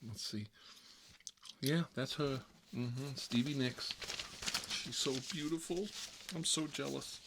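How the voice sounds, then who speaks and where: Speaking slowly with long pauses in a mid-range voice, a man acts out a chatty ASMR role-play. His character is a petty, fussy adult stuck on babysitting duty, gossiping and complaining petulantly as he rambles. Clicks and obvious noise run through the recording.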